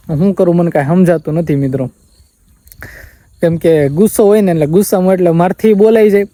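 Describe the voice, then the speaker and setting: A man's voice: a little high, mellow, no echo. A young man, talking to viewers in a subdued, rambling vlog from his family farm. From Gujarat, India. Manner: subdued, rambling and repetitive, often quoting others. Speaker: vlogger.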